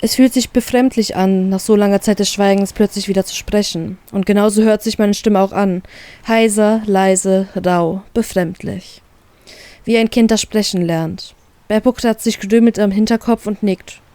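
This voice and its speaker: A woman reading aloud a fanfiction story in first person, narrating calmly and evenly. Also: medium pitch, no room sound. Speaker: fanfiction reader.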